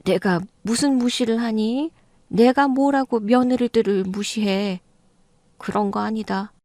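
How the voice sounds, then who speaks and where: A woman's voice: fairly high pitch, unhurried, darkish tone, dry recording. A woman voicing an elderly mother-in-law in an audio drama, defensive and flustered, then pleading. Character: older mother-in-law, stubborn then backpedaling.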